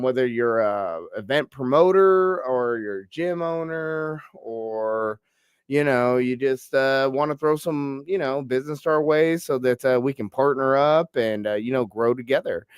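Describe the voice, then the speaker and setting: The young host of a casual combat-sports podcast speaks with a medium-pitched, clear and resonant voice, captured at studio quality without room sound. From the US Pacific Northwest, he's a bit stuffy from a cold and keeps his interview chat laid-back, heavy on fillers and "bro."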